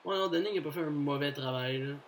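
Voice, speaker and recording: A man with a Quebec French accent doing casual commentary over a baseball video game he is playing, excitable, swinging between low muttering and loud cheering, cursing often and dropping English phrases. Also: quick pace, slight background noise, rough recording. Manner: curses often.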